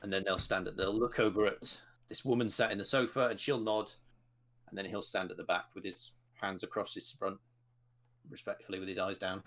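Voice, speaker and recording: A man runs a tabletop game as game master, his voice sitting on the low side. He narrates scenes and stops to rephrase often. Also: steady tone, brisk, a bit bright. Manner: describes scenes and voices characters with frequent restarts.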